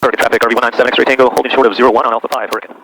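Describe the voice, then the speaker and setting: A man giving calm, clipped radio calls and cockpit instructions as a pilot, through an aviation intercom headset. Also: mid-range voice, rapid-fire. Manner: clipped, procedural delivery. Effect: aviation intercom headset sound. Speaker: pilot in an instrument training flight. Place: inside small aircraft cockpit. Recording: noisy aircraft intercom, loud engine drone.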